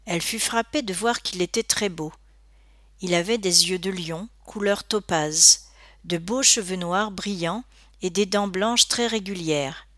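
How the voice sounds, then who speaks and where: A woman narrating a story aloud in an expressive, scripted reading. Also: lowish voice, measured pace, dry recording, studio quality. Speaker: audiobook narrator.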